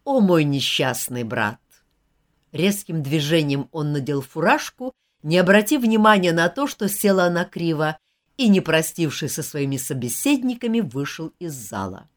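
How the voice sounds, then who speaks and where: A woman reading a novel aloud as an audiobook narrator, with expressive storytelling. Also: low voice, moderate pace. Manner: expressive storytelling, lively intonation. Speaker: audiobook reader.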